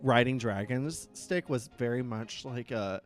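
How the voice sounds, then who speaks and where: A man's voice: mid-range voice, a little slow. Campy, sassy man, drag queen banter. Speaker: co-host reviewing a TV episode. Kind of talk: casual chat, recap banter. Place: venue with a small live audience. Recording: music behind the talk.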